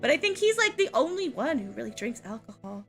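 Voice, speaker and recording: Young woman streamer, high and very lively voice, bright, unhurried casual chat, constant giggles. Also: faint music behind. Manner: giggly, laughs often between sentences. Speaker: VTuber streamer.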